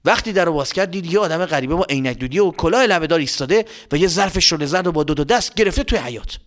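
A man's voice: fairly high pitch, animated. A man narrating a children's story, speaking directly to young listeners.

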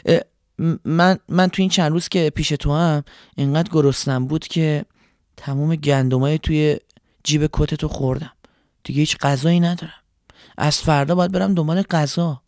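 A man voicing a small, timid, eager swallow bird in a children's story, with a high, chirpy, strained voice. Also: steady tone, darkish tone, no echo, clean studio sound, natural voice. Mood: shy. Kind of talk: storybook voice acting.

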